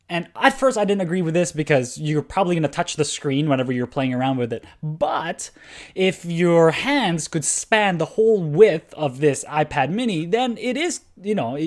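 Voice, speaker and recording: A tech podcast host giving casual solo news commentary, rambling and self-correcting with lots of fillers, laid-back and chuckling at their own tangents. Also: medium pitch.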